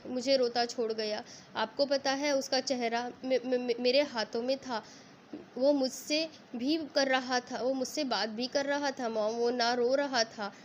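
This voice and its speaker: A distraught young woman in an audio storybook, her voice pitched high and strained as she sobs and pleads in a breathless rush, as a female narrator puts her on. The recording carries a faint hiss underneath. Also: natural voice. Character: young woman grieving wildly, delirious.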